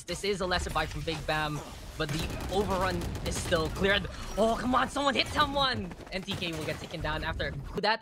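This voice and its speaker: A man giving live esports play-by-play as a caster, with colorful phrasing. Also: high voice. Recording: clearly noisy game broadcast audio.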